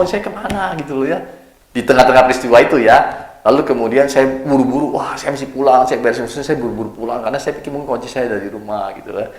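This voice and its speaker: A man's voice: mid-range voice, echoey room. A male pastor giving a casual, colloquial sermon, acting out people's cries and voices as he tells the story. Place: church hall.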